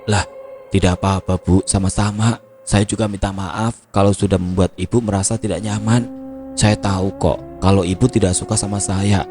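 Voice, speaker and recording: A man voicing a gentle, modest older becak driver with a Javanese accent, speaking softly. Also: sits low, flat delivery, moderate pace, lightly acted. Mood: humble. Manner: soft-spoken, modest. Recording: music playing behind.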